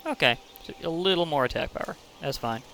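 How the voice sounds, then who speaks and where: A man's voice: on the high side, expressive, brisk, creaky, bright, forceful tone. A man giving casual, chatty commentary while playing a digital card game, thinking aloud and laughing often. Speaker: gaming channel host.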